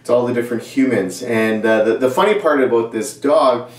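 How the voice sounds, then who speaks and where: A man's voice: medium pitch, a little fast. Middle-aged guy preaching, chatty, lots of restarts, roomy echo, mic kinda far off. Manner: conversational, animated hand gestures, frequent restarts. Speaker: pastor. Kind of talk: sermon. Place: small church studio set, indoors.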